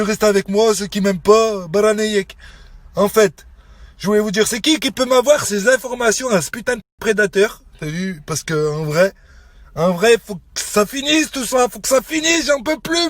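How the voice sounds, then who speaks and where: A man with a strikingly high voice delivers a heated rant to his Snapchat followers. He is aggressive and threatening, and he throws out insults as he talks into his phone. The recording is dry, with no room sound. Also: no room sound. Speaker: Snapchat vlogger.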